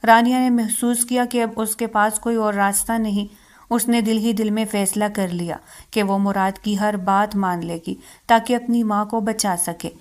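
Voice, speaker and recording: A woman's voice: medium pitch, steady tone. Woman narrating a romance novel.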